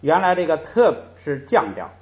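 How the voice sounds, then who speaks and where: A man's voice: on the high side, very animated, normal speed. A male language teacher giving a patient lecture, stretching out example syllables and dropping in little interjections between points. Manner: explains patiently, drawing out example syllables and often saying "hey" between points. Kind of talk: classroom-style lecture. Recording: slightly muffled recording.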